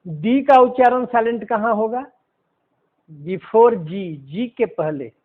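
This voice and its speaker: A man teaching English pronunciation, explaining word by word in a slow, deliberate way. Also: very high voice, animated. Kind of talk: pronunciation lesson. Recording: phone-like narrow sound.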